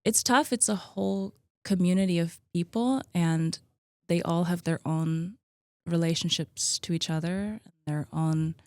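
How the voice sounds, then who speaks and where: In a loose, friendly conversational interview, a relaxed gym co-owner in her mid-thirties talks about herself on a podcast, peppering her speech with "like" and "um." Her voice is a little low for a woman, and the audio is close and dry with no echo.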